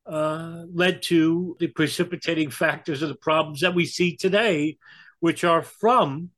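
A man with a New York accent giving conversational political and historical commentary, in a halting way with frequent hesitations. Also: fairly high pitch, fairly even intonation, a bit bright. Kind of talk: conversational explanation.

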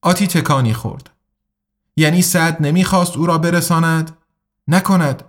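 Man narrating an audiobook, fairly high voice. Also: fairly bright tone.

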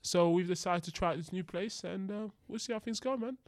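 A man's voice: high voice, fairly quick, no room sound. A man with a London accent co-hosting a podcast, bantering and telling anecdotes in slangy, jokey speech that often repeats phrases. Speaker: podcast co-host. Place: podcast studio.

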